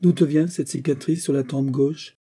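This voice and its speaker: A man reads out a young warrior king in a spoken story, loud and imperious. The voice is dark and a little husky, lifted above the reader's own pitch. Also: steady tone, moderate pace, natural voice. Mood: commanding. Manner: imperious, booming.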